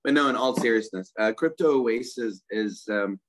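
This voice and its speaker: A man's voice: lowish voice, moderate pace, poor audio. A middle-aged man from Germany, a guest on a video-call interview, speaking fluently and energetically and often adding "right?". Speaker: guest, crypto ecosystem co-founder. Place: indoors, virtual office backdrop.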